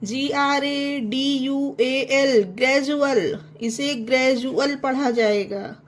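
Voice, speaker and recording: Woman, pronunciation teacher, very slow deliberate delivery, spells words letter by letter. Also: sits high, steady tone. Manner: spells words letter by letter slowly, then explains; addresses viewers as friends. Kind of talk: online lesson.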